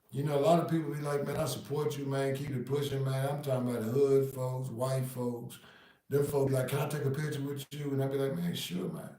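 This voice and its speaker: A man's voice: mid-range voice, fairly bright tone, recorded from a distance. A man from Nashville with a Southern accent, talking casually in a podcast monologue, dropping "man" and "you know" through his sentences. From Nashville, Tennessee. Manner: laid-back, repeats "man" and "you know what I mean". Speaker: podcast host. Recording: very echoey room, off-mic.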